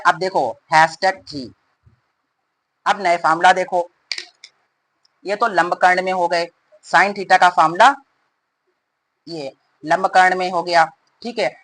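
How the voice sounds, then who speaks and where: A male math teacher explaining formulas in a rapid, repetitive way and calling his students "beta". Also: sits high, steady tone, bright, forceful tone, a little hiss or hum, low-quality recording. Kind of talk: fast classroom explanation.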